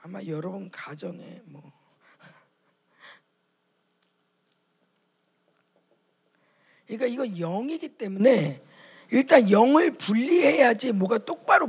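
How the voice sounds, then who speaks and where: A woman, a pastor's wife, preaching a sermon to fellow pastors' wives in a dramatic way, acting out quoted voices and swinging from loud outbursts to whispers. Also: on the high side, big pitch swings, takes it slowly, pauses often, slightly rough.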